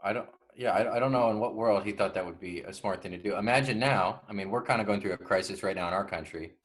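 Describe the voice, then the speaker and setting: A man's voice: fairly low pitch, fast. A man joining a history lesson discussion, casual and conversational, reacting with disbelief.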